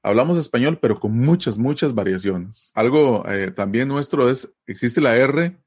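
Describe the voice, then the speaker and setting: A man's voice: medium pitch, expressive, normal speed, a little mellow, husky. Costa Rican man explaining conversationally. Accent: Costa Rican Spanish. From Costa Rica. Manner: explanatory, often adds tag questions.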